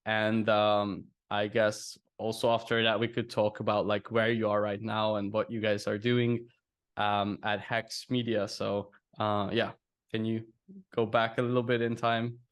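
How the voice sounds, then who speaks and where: A man's voice: lowish voice, flat delivery, a little slow, clear, resonant tone. A man hosting a casual interview with his former student, speaking loosely with many fillers. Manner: loose, lots of fillers like "like" and "you know". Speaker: host, business coach.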